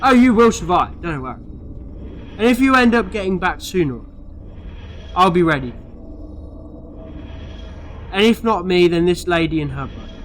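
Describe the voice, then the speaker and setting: A man's voice: high voice, expressive, normal speed, pauses often, fairly bright tone, a little hiss or hum. A man playing an eccentric, clever alien time-traveller in a sci-fi audio drama, theatrical, playful and sure of himself. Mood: triumphant, taunting. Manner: theatrical, playful, self-assured.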